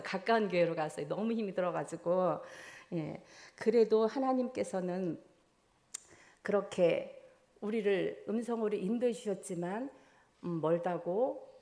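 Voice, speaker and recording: A woman's voice: medium pitch, mellow. A middle-aged woman giving a church testimony, telling her story earnestly and acting out her own prayers. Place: church service.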